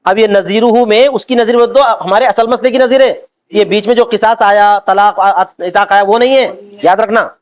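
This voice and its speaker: A man's voice: high-pitched, fairly even intonation. A man teaching a religious law class, constantly asking his students whether they follow and acting out quoted speech. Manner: asks students constant check questions; acts out quoted speech in everyday voices. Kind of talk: classroom lecture on Islamic law. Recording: dull lo-fi lecture recording.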